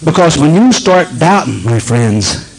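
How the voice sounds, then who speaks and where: Male preacher with a husky, animated delivery that swings from low storytelling to shouted proclamation. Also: measured pace, low-quality recording. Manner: asks the congregation for agreement. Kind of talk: sermon.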